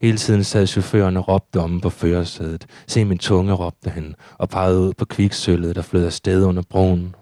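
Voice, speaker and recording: Deep flat-voiced man reading poetry. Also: hardly any pauses, dry recording, clean studio sound.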